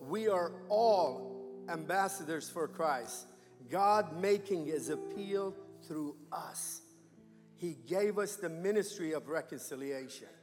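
A man's voice: high voice, fairly bright tone. A man from Iran, giving an emphatic church testimony as a guest missionary and calling the crowd to say amen. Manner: emphatic preacher, calls for amens. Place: church sanctuary. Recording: echoey sanctuary with faint music.

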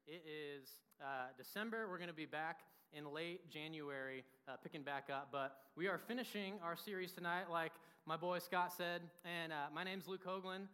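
A man in his twenties, a pastor and church founder, telling a story in a sermon with an animated, talkative delivery full of fillers. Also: on the high side, normal speed, hardly any pauses, clear, resonant tone, big-room sound. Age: 20s.

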